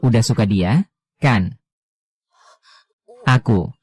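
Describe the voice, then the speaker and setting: A man reading the dialogue of a dubbed drama, voicing every role in one even, low-key delivery. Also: takes it slowly. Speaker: voice-over reader of a drama.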